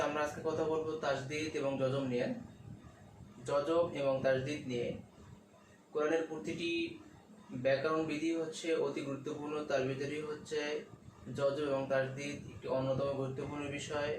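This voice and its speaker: Male teacher, fairly high voice, patient explainer, roomy far-off mic. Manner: repeats key points slowly. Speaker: Quran teacher. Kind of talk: explanatory lesson. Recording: echoey room, mic at a distance, faint hiss.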